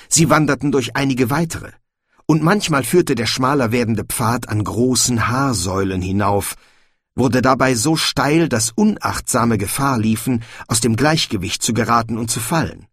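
A man narrating an audiobook in scripted storybook style, with expressive, shifting intonation. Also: medium pitch, husky, no room sound. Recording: dry, close audiobook recording.

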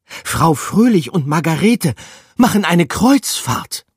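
A man puts on a high, squeaky storybook rat lady, out of breath and bursting with news, her voice climbing and cracking as she rushes on. The sound is close and dry, with no room around it. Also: sing-song, breathy edge, no echo, heavily acted. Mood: excited.

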